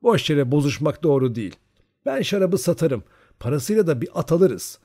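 A man's voice: on the high side, very animated, moderate pace, mellow, voice pushed up. A man voicing a caring old Cossack mother in an audiobook, fussing and giving advice. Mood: fond advising. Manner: fussing, pleading, advising. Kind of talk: audiobook character voice.

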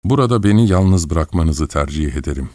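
Man narrator as a withdrawn, listless clerk, slow and curt, low and flat, dry sound. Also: dry recording. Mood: detached. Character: listless, withdrawn young male copyist.

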